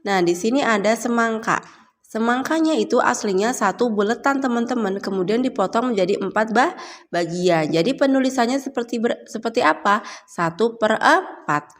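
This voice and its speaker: A woman's voice: on the high side, a little fast. A young woman teacher explaining a lesson to young pupils, patient, often asking them questions and then answering herself. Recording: very echoey room with faint background noise.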